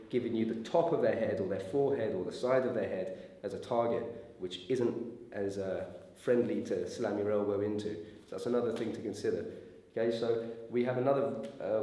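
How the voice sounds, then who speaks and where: Guy martial arts coach w a raspy sore-throat voice, kinda dark tone, super echoey room. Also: lowish voice. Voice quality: raspy, strained voice. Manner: informal explaining with check-in questions. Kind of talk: hands-on demonstration lesson. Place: echoey indoor training room. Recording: very echoey room with faint noise.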